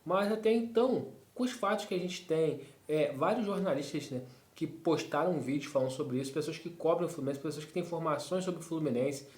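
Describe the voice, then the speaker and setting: A man's voice: fairly high pitch, brisk, hardly any pauses, a little mellow. A man hosting a football fan channel, talking through club news in casual commentary, rambling with fillers and tag questions. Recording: roomy echo.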